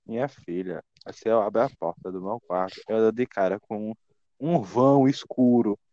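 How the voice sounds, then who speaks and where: Joking Brazilian man, low and lo-fi. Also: fairly even intonation, moderate pace, darkish tone, dry recording. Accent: Brazilian Portuguese. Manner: joking, teasing replies. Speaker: podcast co-host. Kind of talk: casual chat. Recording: dull dry lo-fi mic.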